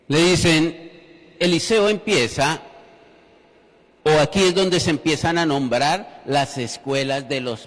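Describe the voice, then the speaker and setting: A man's voice: on the high side, fairly bright tone. A man preaching a sermon in church, telling the story with humor and speaking directly to the congregation. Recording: reverberant church hall.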